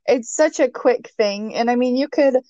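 A woman's voice: a little high, moderate pace, mellow, dry recording. A woman guest, a parent, talking in a rambling way with many fillers. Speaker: guest, parent of a child with Fragile X. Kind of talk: conversational interview. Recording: dry, dull lo-fi sound.

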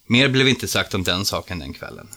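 A man reading a story aloud as narrator. His voice sits low but sounds bright and forceful. He tells it steadily and plainly. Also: very animated, creaky.

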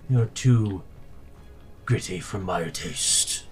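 A man voicing a pleading monstrous mimic that guards treasure, speaking haltingly in a deep rumble in a tabletop game. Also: recorded from a distance, soft background music. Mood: pleading, wary. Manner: slow, halting, deliberate.

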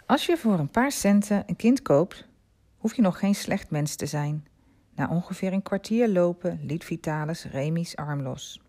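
Calm low-voiced woman storyteller. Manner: calm, measured, sinking to a hush at quiet moments. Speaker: audiobook narrator. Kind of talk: scripted storybook narration.

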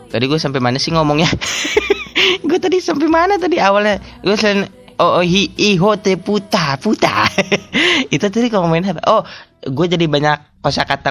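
A man's voice: on the high side, fairly bright tone. A young man with hosting a casual solo podcast, rambling, restarting sentences and laughing often. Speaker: podcast host.

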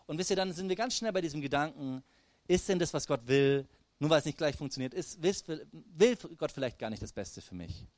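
A man preaching a sermon in a lively, direct way, often turning to the congregation with questions and calls. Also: fairly high pitch, a little fast, no echo. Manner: lively, addresses the audience directly with "hey" and "wisst ihr".

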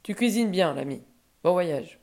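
Woman doing a loud grumpy ogre. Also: lowish voice, animated, a little slow. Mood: grudging. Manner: loud, barking commands. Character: grumpy male forest ogre, gruff and short-tempered.

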